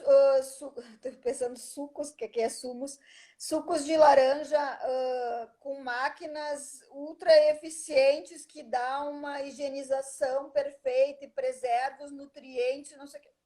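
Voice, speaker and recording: A middle-aged teacher, interviewed casually, tells a long story in a high-pitched, warm voice at a measured pace with fairly even intonation. She's chatty and keeps checking in with her listener through frequent "né?" tag questions.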